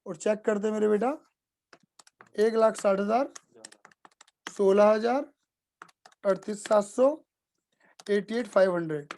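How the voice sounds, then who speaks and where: A man's voice: sits high, fairly even intonation, slow, long pauses, darkish tone. A man teaching accounting in a casual live class, repeating points and often checking whether students follow. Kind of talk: live online class explanation.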